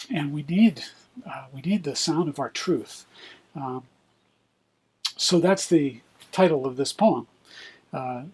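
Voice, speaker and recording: A man, a poet, speaking informally and reflectively, hesitant and searching for his words with many pauses. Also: fairly high pitch, a little mellow, husky. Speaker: poet introducing own poem. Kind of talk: informal reflective spoken introduction.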